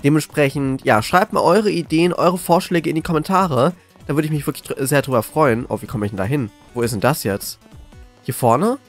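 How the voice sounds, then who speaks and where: A man commentating live on a horror game as a scared, jittery streamer, excitable and often repeating words. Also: on the high side, a little fast, faint music behind. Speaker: gaming video creator.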